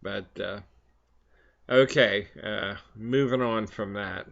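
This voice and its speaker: Slow, halting man chatting over his pipe. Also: lowish voice, vocal fry, a bit bright. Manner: halting, hesitant delivery with frequent long pauses; pipe smoker talking between puffs. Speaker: vlog host. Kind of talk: casual rambling pipe-and-chat monologue. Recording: slightly dull, lo-fi sound.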